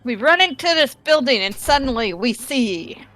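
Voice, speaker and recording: Bright-voiced female player. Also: high-pitched, lively intonation, normal speed, soft background music. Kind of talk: casual chat in a tabletop game.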